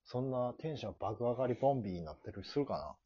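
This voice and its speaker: A fast-talking young man with a Kansai accent, bantering in a casual comedy podcast. His voice is a little husky, his pitch swings widely as he launches into loud, exaggerated bits, and the lo-fi recording sounds dry and dull. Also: no echo. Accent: Kansai Japanese. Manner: animated, bursts into loud high shouted bits. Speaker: podcast host.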